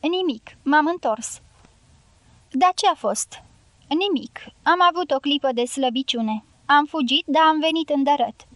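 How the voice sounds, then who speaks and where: A woman's voice: high-pitched, dry recording, pitched above the performer's own voice, lightly acted. A woman reading the part of a sullen male guerrilla leader in an audiobook, speaking bluntly and curtly. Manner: blunt, curt and self-justifying.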